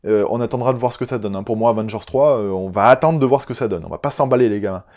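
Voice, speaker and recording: A man's voice: fairly low pitch, very fast, darkish tone. A man with a southern French accent talking casually and sarcastically about upcoming films, often getting sidetracked. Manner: chatty, sarcastic, easily sidetracked. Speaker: film YouTuber. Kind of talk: casual video chat.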